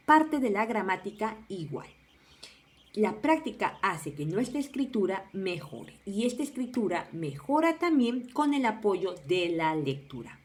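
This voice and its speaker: A woman teacher giving a spelling lesson, sounding out word endings one by one. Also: mid-range voice.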